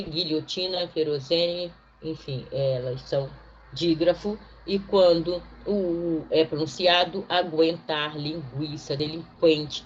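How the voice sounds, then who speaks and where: Woman teacher explaining patiently. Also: low voice. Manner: explains step by step, checking in with "tá?" and "né?"; slows down to spell out example words one by one. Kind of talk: recorded online grammar lesson. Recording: dull lo-fi recording, faint noise.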